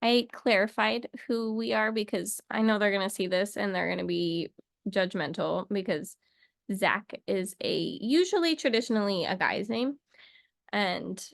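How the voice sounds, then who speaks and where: A woman's voice: medium pitch, vocal fry, no room sound, studio quality. A young woman teaching a casual English lesson to camera, chatty and playful, wandering off into little asides.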